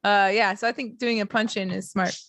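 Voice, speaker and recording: A woman's voice: medium pitch, fairly even intonation, a bit bright, no echo. Encouraging woman with a dry close sound. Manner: encouraging, chatty, quick to explain. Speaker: co-writer giving vocal feedback. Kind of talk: casual studio work talk.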